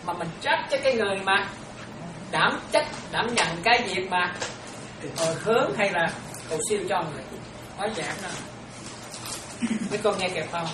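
A woman's voice: medium pitch, lively intonation, moderate pace, pauses often. Woman giving a dharma talk, chatty, keeps asking if they follow, roomy far-off noisy recording. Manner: chatty, checks listeners often, laughs. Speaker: Buddhist nun teacher. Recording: echoey room, distant mic, noisy.

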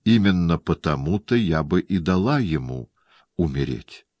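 Male narrator doing a cold, indifferent young woman, dry delivery, deep and close. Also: expressive, measured pace, darkish tone, dry recording. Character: cold, scheming young woman, cruel and calm.

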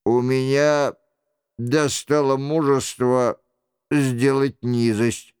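A man's voice: mid-range voice, flat delivery, very slow, a little mellow, clear, resonant tone, no room sound, studio quality. A man reading aloud who voices an indignant young courtier complaining of his humiliation in a costume-drama audiobook. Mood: aggrieved. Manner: indignant, aggrieved.

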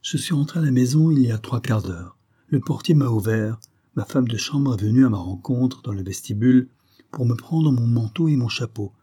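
A man's voice: medium pitch, expressive, moderate pace, dark tone, slightly rough. A man voicing a frightened young woman who pleads in a tremulous, breathless way in a detective audiobook. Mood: shaken recounting.

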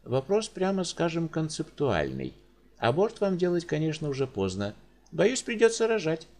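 Man voicing a fussy professor doctor, high and lively, ingratiating, hedging, storybook. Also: normal speed. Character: pompous fussy middle-aged male professor doctor.

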